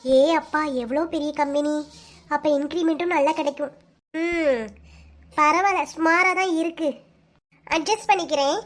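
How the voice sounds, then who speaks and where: Very high-voiced woman with a Kanyakumari Tamil accent. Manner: quick, scolding, teasing dialogue. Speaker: cartoon narrator and voice actor. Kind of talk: cartoon voice acting, all characters.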